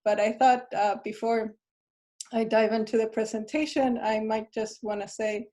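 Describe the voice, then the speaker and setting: A woman's voice: on the high side, steady tone, normal speed, dark tone. A woman from Chile, a physics professor, giving a friendly talk on a video call with light laughs between points. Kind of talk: presentation over video call. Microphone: computer mic on a video call.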